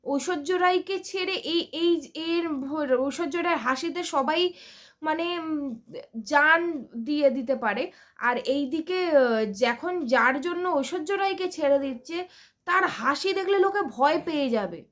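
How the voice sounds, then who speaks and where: A woman's voice: high-pitched, normal speed, a bit bright. A woman vlogger giving casual commentary, blunt and scornful, with crude insults and lots of chatty fillers and check-ins.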